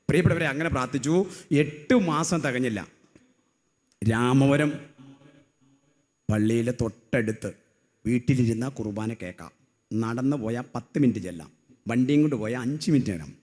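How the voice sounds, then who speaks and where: Middle-aged guy preaching, loud call and response, gets the crowd to repeat after him, then drops low to tell stories. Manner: swings from loud emphatic cries to low storytelling. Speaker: lay preacher. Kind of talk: sermon.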